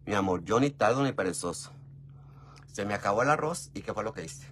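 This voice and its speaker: A man with a Mexican Spanish accent tells a story in a chatty, gossipy way, often calling the listener "mi amor". His voice sits fairly low but leaps up in pitch and loudness as he gets excited. A faint hum runs underneath. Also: brisk. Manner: expressive, with big jumps in pitch and volume. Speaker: vlogger. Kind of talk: casual storytelling chat.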